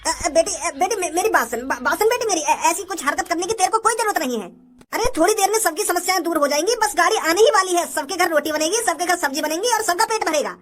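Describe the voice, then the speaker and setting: A woman's voice: very high voice, lively intonation, fast, fairly bright tone. A woman voicing a nervous, placating gas depot man in a Hindi cartoon, soothing and stammering. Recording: noisy background.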